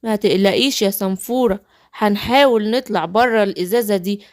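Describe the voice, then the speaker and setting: A woman with an Egyptian accent voicing a wise, calm old leader of tiny blue creatures. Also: mid-range voice, fairly quick, close to an everyday voice. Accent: Egyptian Arabic. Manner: calming, reassuring.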